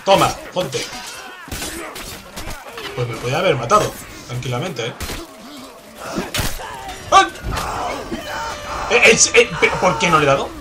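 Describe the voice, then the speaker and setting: A man with a Spanish accent from Spain, commentating a game he is playing, excitable and swearing, with sudden loud outbursts. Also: a little high, fairly quick, pauses often, crowd noise. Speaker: gameplay commentator. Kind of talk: let's play commentary. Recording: game music in background.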